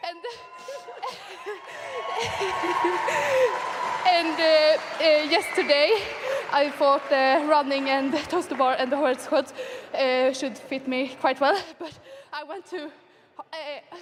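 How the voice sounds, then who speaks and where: An emotional, choked-up woman athlete speaking non-native English, haltingly and with nervous laughter, in an interview. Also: high voice, fairly even intonation. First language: not English. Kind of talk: emotional post-event interview. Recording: reverberant noisy hall.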